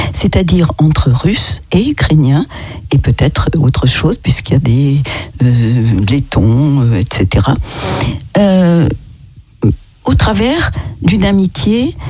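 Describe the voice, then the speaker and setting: A radio host interviewing a guest, asking measured questions and summarizing the answers. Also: mid-range voice, darkish tone, breathy edge, no echo.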